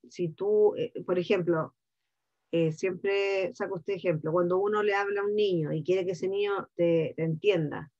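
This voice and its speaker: A woman's voice: on the low side, a little mellow, highs cut off. A woman, an actress speaking on a panel, explaining at length and often checking in with her listeners. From Chile. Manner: explanatory, peppers speech with "¿ya?" and "te fijas". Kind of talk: conversational panel talk.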